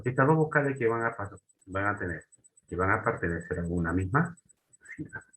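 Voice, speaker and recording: A man's voice: lowish voice, low-quality recording. A man teaching a grammar lesson, often restarting and checking in with short questions.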